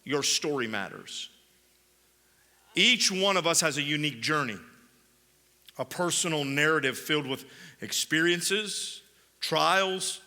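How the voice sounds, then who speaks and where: Bright-voiced emphatic man preaching. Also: a little high, big-room sound. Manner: emphatic, repeats key phrases. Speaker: pastor. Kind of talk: sermon with scripture reading. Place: church sanctuary.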